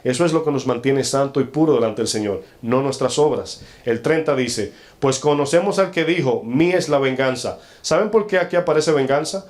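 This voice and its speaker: A male pastor with a mid-range, slightly mellow voice delivers a stern, confrontational sermon. He fires rhetorical questions at the congregation and slows down when reading scripture aloud.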